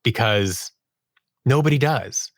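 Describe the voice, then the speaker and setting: Speaking at a slow pace with lively intonation, a man in a mid-range voice is interviewed conversationally as a podcast guest. He's an audio drama producer and sound designer, recounting his creative work and voicing quoted lines. The recording is dry and studio quality.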